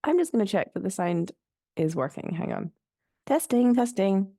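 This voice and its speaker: A young woman hosts a relaxed solo podcast from her spare room, sounding nasal and congested from blocked sinuses. She rambles with plenty of "like" fillers and light laughter, in a mid-range voice at normal speed; the recording is studio quality with no echo.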